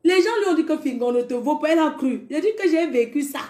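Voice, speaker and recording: A woman casually telling a personal story, animated and speaking directly to her listeners. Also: sits high, fast talker. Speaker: storyteller vlogger. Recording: echoey room.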